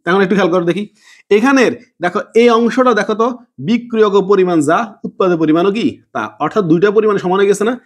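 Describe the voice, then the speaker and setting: Male chemistry teacher, fast and high-pitched, quizzes the class then answers softly himself. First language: Bengali. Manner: asks questions and answers them himself, repeating key words; drops to a low soft voice on answers. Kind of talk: classroom lecture.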